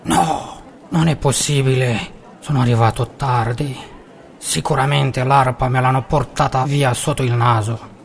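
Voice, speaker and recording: A man voicing an honest, anxious old grandfather craftsman with a creaky voice in a storybook. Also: medium pitch, steady tone, unhurried, big-room sound, pitched above the performer's own voice. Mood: dismayed. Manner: fretful and pleading.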